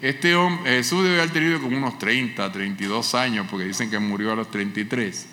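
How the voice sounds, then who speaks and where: A male pastor preaching a sermon with passion, swinging from loud cries to hushed, pleading lines. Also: mid-range voice, fairly quick, a little hiss or hum. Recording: echoey hall with faint ambience.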